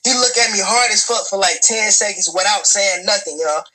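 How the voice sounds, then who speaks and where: A man's voice: high-pitched, normal speed, pushed and bright, low-quality recording. A man in his twenties telling a long personal story in a profane, rambling way, stammering, restarting and turning to talk straight to his listeners. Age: 20s. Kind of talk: casual storytelling.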